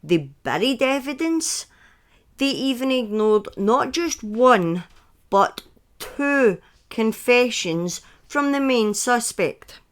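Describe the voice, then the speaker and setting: On a live stream, a woman in her thirties with a Scottish accent chats her way through true crime stories, pausing for asides and fixing her own slips. She speaks slowly, a little high, with big swings in pitch.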